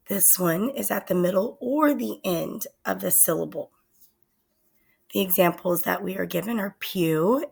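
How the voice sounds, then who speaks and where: A woman teacher giving a recorded spelling lesson, speaking slowly and deliberately and sounding out words. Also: lowish voice, creaky, darkish tone, breathy edge.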